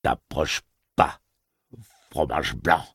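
A man voicing a furious, scornful woman in an audiobook, taunting and threatening in a shrill voice. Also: wildly swooping pitch, measured pace, vocal fry, sharp tone, husky, dry recording, studio quality, heavily acted. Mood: menacing.

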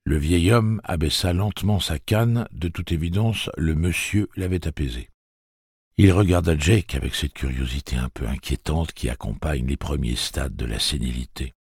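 Deep gravelly male audiobook narrator. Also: a little mellow, no room sound, studio quality. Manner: measured storytelling. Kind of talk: scripted narration.

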